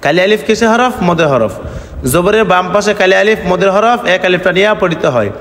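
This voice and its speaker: A man teaching letter-by-letter reading, spelling out letters and chanting the syllables slowly, asking questions and answering them himself. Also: high-pitched, a bit bright, echoey room, long reverb tail, a little hiss or hum. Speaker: Quran teacher. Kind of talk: recorded reading lesson.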